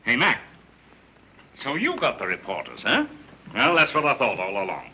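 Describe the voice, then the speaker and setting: An actor playing a sarcastic police commissioner with a dry, mocking way of talking. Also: male voice, medium pitch, huge pitch swings, moderate pace, bright, forceful tone, full character voice. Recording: dull old 1930s film soundtrack, faint hiss.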